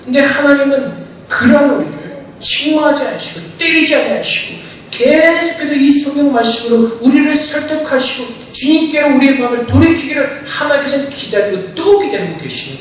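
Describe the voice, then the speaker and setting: A man preaches a sermon in a casual, conversational tone, his voice sitting high. He is picked up from a distance, so the sound rings through a large reverberant church hall. A faint hiss and low rumble run underneath. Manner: conversational preaching with colloquial asides and acted quotes. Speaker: pastor. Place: church sanctuary. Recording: echoey church from far off.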